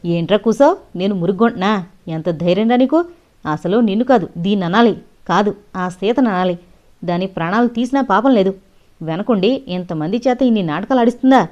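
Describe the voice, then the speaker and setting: A woman voicing a hot-tempered, scheming older male schoolmaster who shouts in fury, in an audio novel. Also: mid-range voice, brisk, natural voice. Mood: furious. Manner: furious shouting. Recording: dull lo-fi audio.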